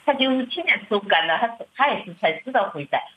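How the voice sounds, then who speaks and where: A woman's voice: on the high side, lively intonation, fast, bright, forceful tone, slight background noise. A middle-aged woman, a church member, telling her family troubles in a hesitant, plaintive way, often repeating words and restarting. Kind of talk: halting personal account. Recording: muffled lo-fi recording.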